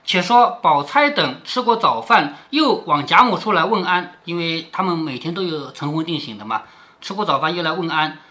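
A man's voice: a little high, lively intonation, moderate pace, sharp tone. A man reading a classic novel aloud to his daughter, stopping to explain each passage in plain words and asking rhetorical questions. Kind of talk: storytelling with explanations.

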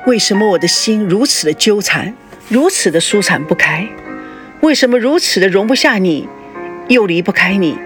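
A woman voicing a heartbroken, angry young daughter who lashes out in high, drawn-out cries. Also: expressive, fairly bright tone, faint music behind, close to an everyday voice. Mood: anguished, furious. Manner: shrill outbursts, slowed and pitched up.

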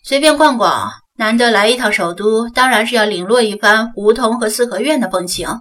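A woman's voice: on the high side, fairly quick, fairly bright tone, distant mic. A woman reading the lines of a sly young man who feigns innocence in an offhand way, in an audiobook. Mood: evasive. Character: young man playing dumb, sly and evasive. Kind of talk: audiobook character voice.

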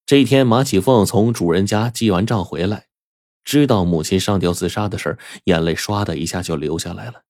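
A man telling a folk tale in an expressive, lively way, speaking close to the mic. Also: low voice, fairly quick, no room sound. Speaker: storyteller. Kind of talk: oral storytelling.

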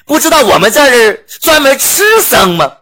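A man's voice: extremely high pitch, sing-song, moderate pace, sharp tone, voice pushed up, exaggerated voice. A man voicing a mob of hungry mountain demons who taunt a monk. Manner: menacing taunts.

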